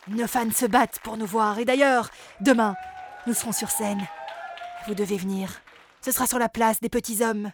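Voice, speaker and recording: A woman's voice: a little high, fairly even intonation, moderate pace, over music, lightly acted. A woman voicing a vain, boastful male elf boy-band singer in a children's storybook, with a pompous, self-admiring manner. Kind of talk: storybook character voice.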